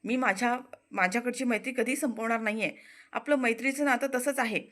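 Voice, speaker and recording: A woman's voice: fairly high pitch, a little fast, a bit bright, natural voice. A woman voicing a remorseful young woman who pleads earnestly. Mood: pleading.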